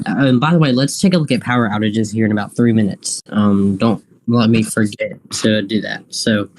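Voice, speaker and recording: Halting man doing live weather commentary. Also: on the low side, a little mellow. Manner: halting, repetitive, thinking aloud. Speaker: live weather stream host.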